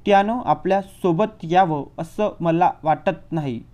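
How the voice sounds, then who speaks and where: A man's voice: high voice, big pitch swings, normal speed, warm tone, dull audio. A man reading an audiobook who voices a spoiled boy, whining and sulky. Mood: whiny. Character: spoiled whiny fat boy.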